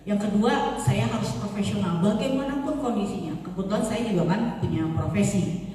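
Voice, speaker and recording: A woman giving a parenting seminar, talking in a lively, chatty way and teasing the audience. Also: mid-range voice, moderate pace. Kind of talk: seminar talk. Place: large seminar hall. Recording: echoey hall, far from mic.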